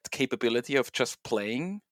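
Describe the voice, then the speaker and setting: A man's voice: mid-range voice, lively intonation, moderate pace, a bit bright, dry recording, clean studio sound. A middle-aged man from Switzerland, talking casually as an interview guest, thoughtful and loose with many fillers. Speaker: guest, software engineer and home miner.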